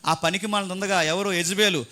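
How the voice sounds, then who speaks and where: A man preaching a sermon as a pastor. He fires off rhetorical questions and swings between hushed, quiet passages and loud, emphatic ones. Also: high-pitched, steady tone, fairly quick.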